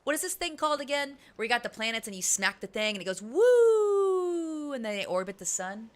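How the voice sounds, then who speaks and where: A woman game streamer chatting casually with her live audience, giggly and animated, laughing often. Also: on the high side, quick pace.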